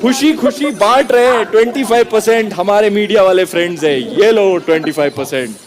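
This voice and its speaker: A man hosting a television quiz show, lively and playful, switching between Hindi and English. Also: high voice, a little fast, over music. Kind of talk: energetic game show hosting.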